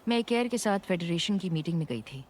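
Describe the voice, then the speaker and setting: A woman dubbing a persuasive, measured female sports official in a drama. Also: fairly low pitch, expressive, a little mellow, a little hiss or hum, lightly acted. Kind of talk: dubbed drama.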